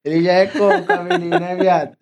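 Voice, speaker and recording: High-voiced São Paulo guy talking street slang. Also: sing-song, quick pace, darkish tone, highs cut off. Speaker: music artist, guest. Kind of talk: casual chat.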